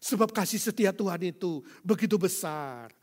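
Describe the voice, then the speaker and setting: A man preaching a sermon, swinging between loud proclamations and soft, quiet passages, addressing listeners as brothers and sisters and asking them direct questions. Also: sits high, animated, moderate pace. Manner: calls the audience "saudara" and asks them direct questions. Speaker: pastor.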